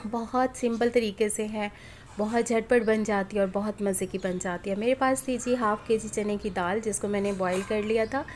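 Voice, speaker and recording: In a voice-over made at home, a Pakistani cooking vlogger in her thirties talks chatty and homely, straight to viewers, despite a sore, strained throat from flu. Her mid-range voice is steady and darkish at a moderate pace, and faint street and household noise is audible.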